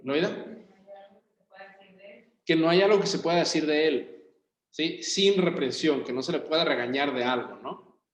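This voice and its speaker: A man's voice: a little high, measured pace, long pauses. A man, a pastor leading a Bible study in a church room, talking conversationally and putting questions to his group. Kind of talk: interactive Bible study teaching. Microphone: room recording for a video call. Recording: roomy echo.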